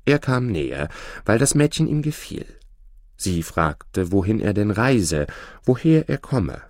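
A man reading a fairy tale aloud slowly and expressively. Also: on the low side, no echo, clean studio sound. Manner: slow, expressive, shifts voices for characters. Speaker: storyteller.

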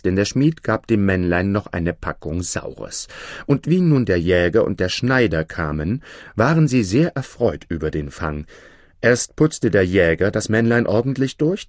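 A man narrating a fairy tale in a lively, expressive reading. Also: fairly low pitch, dry recording, clean studio sound. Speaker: storyteller.

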